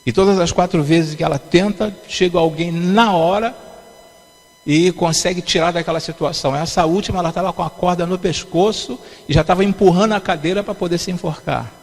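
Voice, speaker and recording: A man's voice: high-pitched, fairly quick. A man preaching a sermon as pastor, telling stories and repeating his words as he acts out the dialogue. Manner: repetitive storytelling, acts out dialogue. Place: church sanctuary. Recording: long reverb of a church hall.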